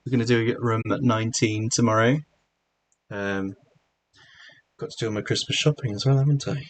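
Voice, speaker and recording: A man streaming a hacking challenge walkthrough, talking casually in halting, rambling sentences full of fillers. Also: fairly low pitch, steady tone, a little hiss or hum. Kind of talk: casual livestream commentary.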